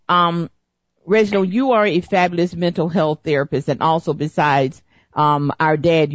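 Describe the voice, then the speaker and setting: A middle-aged host on a talk broadcast rambles and searches for words in casual radio chatter. The voice is medium-pitched with no room sound, captured on a dull, lo-fi recording.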